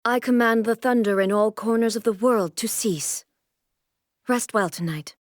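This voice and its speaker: Game role: actress as imperious immortal female shogun, formal and stately, fairly high voice, dry close recording. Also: dry recording, natural voice. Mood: solemn, commanding. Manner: formal, stately, measured, archaic diction. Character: regal, aloof immortal female shogun commanding thunder. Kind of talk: scripted video game character voice lines.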